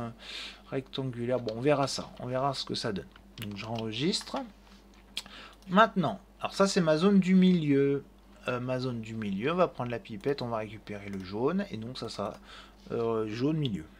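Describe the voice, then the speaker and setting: A man hosting a screen-recorded software tutorial, thinking aloud and narrating each click with fillers, speaking into a desk mic at his computer. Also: medium pitch, slight background noise.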